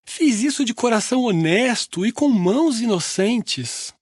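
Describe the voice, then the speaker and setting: A man's voice: very high-pitched, animated, measured pace, husky, no room sound, clean studio sound, pitched above the performer's own voice, heavily acted. A man voicing an indignant ancient king who pleads and protests, in a Bible audio reading. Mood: protesting.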